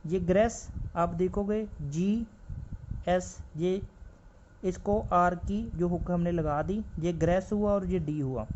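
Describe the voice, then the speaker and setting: A man's voice: high-pitched, mellow. A man teaching a stenography class, explaining shorthand strokes as he writes and repeating each word several times. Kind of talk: shorthand lesson, explaining while writing. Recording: slightly dull lo-fi recording with faint background noise.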